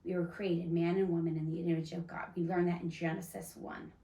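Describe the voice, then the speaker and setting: A woman's voice: lowish voice, little pitch movement, fairly quick, creaky, warm tone. A woman hosting a podcast, explaining her faith-based ideas earnestly, with frequent restarts and fillers. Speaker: podcast host. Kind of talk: casual faith-based discussion. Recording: echoey room, mic at a distance.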